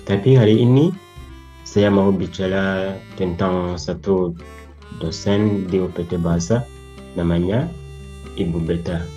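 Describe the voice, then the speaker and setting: A young man with a Ugandan accent speaks Indonesian as a foreigner would, in simple, halting phrases. His voice is low and mellow, and he takes his time, speaking slowly through a personal testimonial. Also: faint music behind. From Uganda, East Africa. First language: not Indonesian, learned as a foreigner. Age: young adult. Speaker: international master's student.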